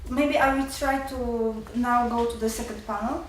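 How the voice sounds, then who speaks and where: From the floor of a university seminar room, a nervous, stressed Polish student in her twenties makes halting, unscripted remarks, repeating and breaking off words. Her voice is a little high and steady in tone, and the recording is distant, very echoey, with faint noise.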